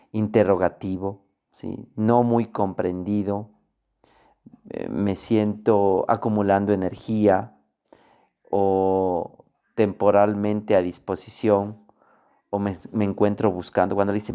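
A man teaching a motivational lesson on emotional language, speaking deliberately and checking in with frequent asides. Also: lowish voice, warm tone. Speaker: emotional coaching instructor.

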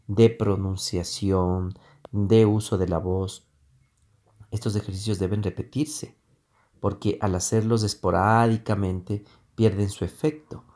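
Slow, low-voiced male speaking teacher. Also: dark tone. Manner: slow, deliberate instruction with hesitant fillers; demonstrates vocal exercises with sustained vowels. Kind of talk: voice training lesson.

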